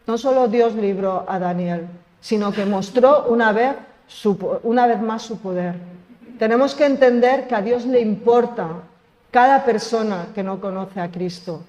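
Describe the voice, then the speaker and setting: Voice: mid-range voice, measured pace, darkish tone, highs cut off. Preacher, accent from Spain, conversational sermon with rhetorical questions, echoing church hall. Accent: Spain Spanish. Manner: conversational, asks the congregation questions.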